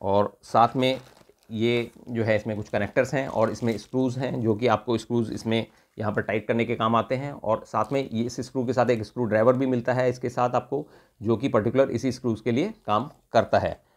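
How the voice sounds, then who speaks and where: Here a medium-pitched man with an Indian accent reviews a product, talking through the unboxing in an unscripted way at a moderate pace with fairly even intonation. He covers every part and often says things again in Hindi and then English, or the reverse.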